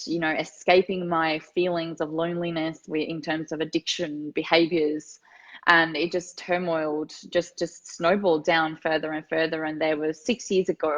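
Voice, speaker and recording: A woman in her thirties from Finland, a podcast guest telling her life story in an earnest way and often repeating words as she thinks. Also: low-pitched. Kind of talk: personal story interview. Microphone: remote call. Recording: dull lo-fi call audio.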